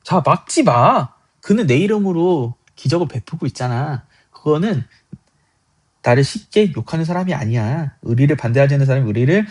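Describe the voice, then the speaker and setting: A man's voice: a little high, lively intonation, moderate pace, darkish tone. A man voicing Jesus as a blunt, scolding teacher who talks down to his listeners in plain casual speech. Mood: calm.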